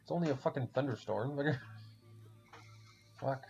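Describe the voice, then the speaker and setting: This man, a podcast host with a German accent, plays a game while chatting loosely, rambling and often swearing and laughing. His medium-pitched voice is creaky and a little mellow, a bit slow, captured in a dull lo-fi recording with faint music.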